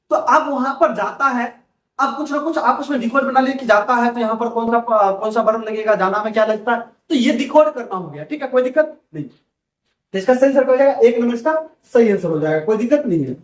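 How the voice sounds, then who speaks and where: A man with a strikingly high voice teaches an exam-prep lesson, asking questions aloud and answering them himself. He reads text slowly and repeats key words. The sound is roomy and echoey, as if picked up from across the room. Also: distant mic. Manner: reads Sanskrit passages slowly, then explains in Hindi. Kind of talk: classroom-style exam lesson.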